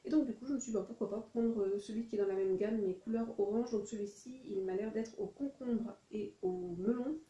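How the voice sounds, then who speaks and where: Chatty woman with a dark, mellow voice. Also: mid-range voice, a little fast, hardly any pauses, reverberant, dull audio. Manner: rambling, self-correcting, chatty. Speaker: vlogger showing shopping haul. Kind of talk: casual chat.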